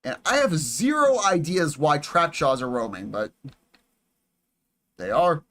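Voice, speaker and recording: A young man giving casual, excitable commentary over a strategy game, swearing and chatting with viewers. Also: fairly high pitch, measured pace. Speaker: gaming YouTuber.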